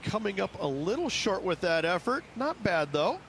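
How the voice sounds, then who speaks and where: Casting: male golf commentator, the analyst, a touch high in pitch, faint noise behind. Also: very animated, normal speed, fairly bright tone, heavily acted. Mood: analytical. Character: male golf analyst describing holes and shots.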